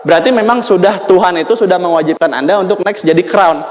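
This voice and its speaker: A man gives a motivational talk to a sales audience and keeps asking the crowd questions. His voice sits high for a man. It rings with long reverb in a large hall. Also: fast talker. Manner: addresses the crowd with rhetorical questions. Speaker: motivational speaker at a sales event.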